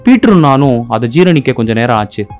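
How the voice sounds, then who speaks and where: A man's voice: medium pitch, sing-song, brisk, smooth, faint music behind. Man narrating a horror story steadily.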